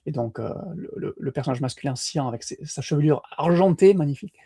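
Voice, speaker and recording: A man's voice: on the high side, expressive, fast talker, dark tone, husky, no room sound. Chatty man podcaster, dry close sound. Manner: hesitant, many fillers and restarts. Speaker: podcast co-host. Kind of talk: casual chat.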